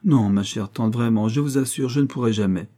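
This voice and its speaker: A man's voice: mid-range voice, a little fast, mellow, natural voice. Man playing a shy, pleading young woman. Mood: timid. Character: timid, polite, bookish young woman.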